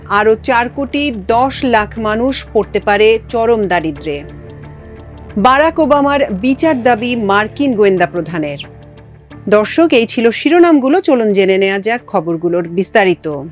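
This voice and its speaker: A woman presenting international news, reading a script in a measured, formal way. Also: on the high side. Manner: measured formal newsreader delivery.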